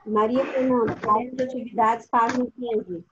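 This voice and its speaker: A woman's voice: a little high, little pitch movement, normal speed, highs cut off, noisy background. A woman teaching a primary school class over a video call. She asks her pupils patient questions and calls on them by name. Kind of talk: online class instruction.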